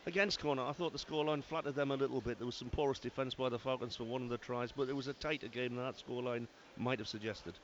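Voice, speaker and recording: A man's voice: medium pitch, fairly even intonation, fast talker, hardly any pauses, fairly bright tone, a little hiss or hum. A man working as co-commentator on live radio rugby, analysing the play like an expert summariser. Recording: lo-fi radio broadcast.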